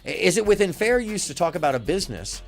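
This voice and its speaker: A middle-aged American man hosting a casual live stream, chatting in a halting, rambling way that often circles back. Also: high voice, big pitch swings. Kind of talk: casual chat. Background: faint music.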